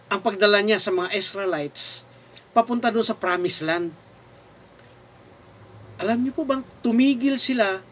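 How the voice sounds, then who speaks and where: A Filipino man preaching a sermon, his voice pitched high and his delivery slow and deliberate. He reads Bible verses aloud and turns to the congregation, calling them sir, ma'am, ate and kuya. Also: a bit bright. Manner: reads scripture aloud, then preaches with rising emphasis. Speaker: pastor.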